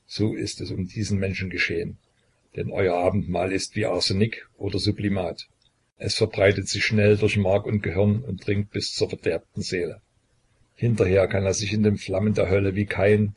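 A man's voice: low-pitched, breathy edge. A man voicing a dying, delirious young prince who rails in feverish fury in a historical audiobook. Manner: raised, shouting rage.

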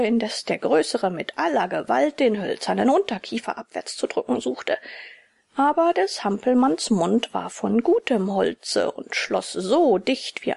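A woman narrating a storybook audiobook expressively, often in a soft, hushed tone. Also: on the high side, gravelly, slightly rough, no room sound, studio quality.

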